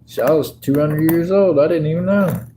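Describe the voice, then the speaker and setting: With a little hiss or hum on the recording, a livestream host in his 50s chats and jokes casually with viewers while sorting coins. He speaks at a moderate pace in a mellow, slightly high voice.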